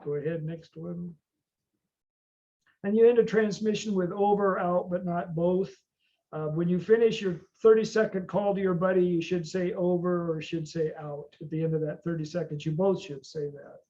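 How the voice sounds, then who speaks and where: High-pitched American man teaching, dull lo-fi sound. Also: fairly even intonation, normal speed, mellow. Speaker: boating class instructor. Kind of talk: informal classroom lecture.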